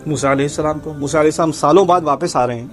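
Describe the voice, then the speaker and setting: A man with a fairly high voice explains scripture like a patient teacher. He keeps asking his listeners questions, repeats the key words, and breaks into recited Arabic verses. Soft music plays faintly behind him. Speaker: Quran teacher. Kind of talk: Quran commentary lecture.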